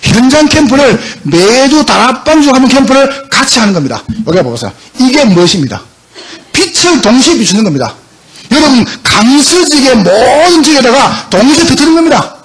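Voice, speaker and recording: A man's voice: extremely high pitch, very animated, normal speed. A male pastor preaching a sermon emphatically, often asking the congregation questions.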